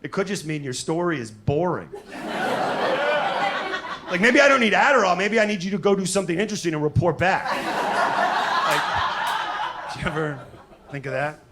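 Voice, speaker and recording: Higher-voiced male stand-up comic, crowd laughter. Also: expressive, normal speed, long pauses. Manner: self-deprecating, hesitant, conversational joke delivery. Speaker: stand-up comedian. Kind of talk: stand-up comedy set before a live audience. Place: live comedy venue on stage. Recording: live show with audience laughter and noise.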